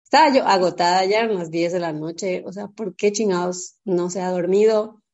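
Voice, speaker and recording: Mexican woman, 30s, lively storyteller, swears casually, slightly dull lo-fi sound. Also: moderate pace. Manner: animated, acts out quotes in a high voice, swears freely.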